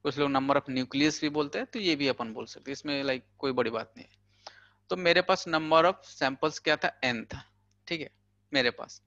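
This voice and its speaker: A man's voice: a little high, normal speed, pushed and bright, no room sound, lo-fi sound. A young man teaching physics in a casual lecture, chatty and full of filler words, using everyday money examples. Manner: chatty, peppers talk with "thik hai" and "bhai". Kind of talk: casual Hindi lecture for exam prep.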